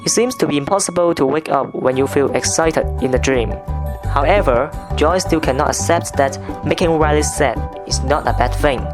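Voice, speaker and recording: A narrator reading a scripted film review as a video essay, in measured, non-native English phrasing. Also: medium pitch. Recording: narration over clear background music.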